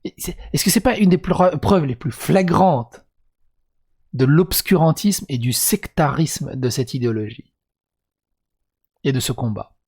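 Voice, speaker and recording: Reading his script slowly and pausing often, this YouTube commentator has a fairly high, husky voice with a darkish tone. French is his first language, and he cuts in with crude, sarcastic comments between passages.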